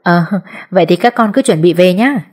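A woman's voice: fairly low pitch, lively intonation, normal speed, darkish tone. A woman voicing a kindly, agreeable middle-aged mother on the phone in an audiobook. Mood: pleased. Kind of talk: audiobook character voice.

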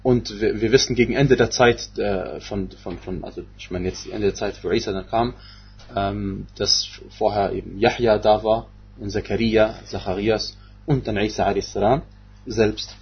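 Male scripture teacher, low husky voice, hesitant delivery full of fillers, dull lo-fi recording. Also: fairly even intonation, unhurried. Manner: hesitant, many fillers and restarts. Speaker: Quran exegesis teacher. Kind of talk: religious lecture.

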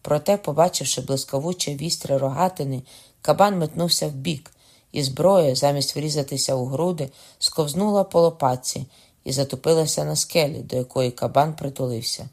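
A man narrating a classic novel in a steady, measured storytelling voice. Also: on the high side. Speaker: audiobook narrator. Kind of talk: literary audiobook narration.

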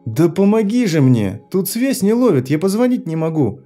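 A man reading an audiobook, voicing a frightened, angry young woman who answers in sharp, indignant retorts. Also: high voice, big pitch swings, normal speed, faint music behind, pitched above the performer's own voice. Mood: pleading.

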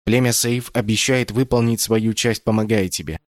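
A man's voice: fairly low pitch, steady tone, moderate pace, dry recording, clean studio sound, lightly acted. A man doing Mama Rila, a loving stern storyteller. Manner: tender, pleading, then proudly stern.

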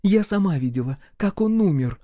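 A man's voice: sits high, lively intonation, moderate pace, warm tone, no room sound, clean studio sound, voice pushed up. A man voicing a hot-tempered young woman fighter, snapping and scornful, in an audiobook. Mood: spiteful. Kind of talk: audiobook character voice.

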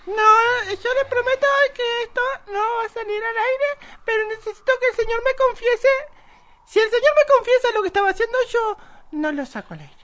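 A man playing a stern female police officer who interrogates suspects in a radio comedy sketch, in a shrill falsetto with clipped questions. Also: fairly quick, fairly bright tone.

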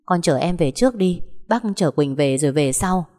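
A woman voicing a kind, caring middle-aged woman who speaks gently and with concern, with a long echoing reverb. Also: sits low, animated, normal speed.

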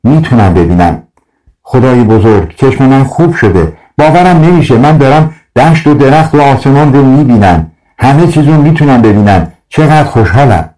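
A man's voice: fairly low pitch, mellow, distant mic, close to an everyday voice, low-quality recording. A man voicing a young woman in a storybook, speaking in an eager, heartfelt way. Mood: joyful. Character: young woman, joyful and devoted.

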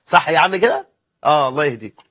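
A man preaching a sermon with an Egyptian Arabic accent, animated and acting out little dialogues. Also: fairly high pitch, fast talker. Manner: animated, acts out dialogue with shifting voices. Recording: dull lo-fi recording.

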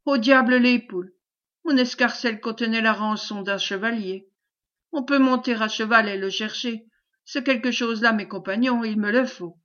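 A woman's voice: fairly high pitch, normal speed, fairly bright tone, highs cut off, close to an everyday voice. A woman reading the part of a stubborn, greedy male knight in a brusque, ordering manner. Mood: angry.

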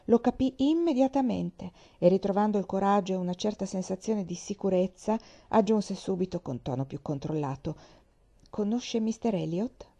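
A woman reading a classic novel aloud as audiobook narration, calm and measured. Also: mid-range voice. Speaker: audiobook reader.

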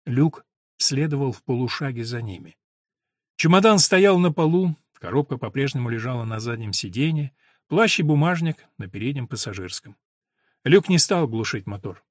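A man reading an audiobook in scripted narration, measured and even, recorded on a close studio mic. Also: medium pitch, dry recording.

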